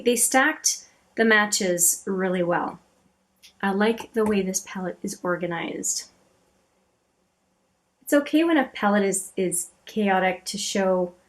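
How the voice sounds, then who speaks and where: A woman hosting a beauty channel, talking casually as she swatches eyeshadows, chatty and admiring, often trailing off into quiet asides. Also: mid-range voice.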